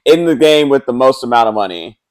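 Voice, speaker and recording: A man's voice: mid-range voice, lively intonation, brisk, a little mellow. A man co-hosting a casual podcast chat, wry and profane, acting out quotes. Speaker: podcast co-host.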